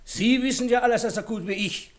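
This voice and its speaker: A man's voice: very high voice, quick pace. An actor playing an insistent man reproaching his friend in an old radio play. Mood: reproachful. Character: agitated man accusing a wife, insistent. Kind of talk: 1950s German radio play acting.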